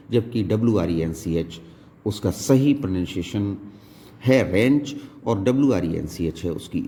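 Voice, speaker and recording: Slow, low-voiced man teaching spellings. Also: mellow, in a large hall. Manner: slow, spelling words out letter by letter. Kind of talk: recorded lesson.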